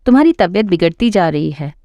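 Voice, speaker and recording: A woman's voice: lowish voice, animated, brisk, no room sound, dull audio. A woman voicing a mild young husband who soothes both his wife and his mother. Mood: placating. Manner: placating.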